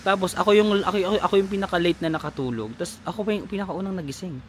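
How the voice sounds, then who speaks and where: A man's voice: sits high, fast talker, slight background noise. A man, chatting animatedly in a casual travel vlog outdoors, laughing often. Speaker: travel vlogger. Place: outdoors in a lakeside village.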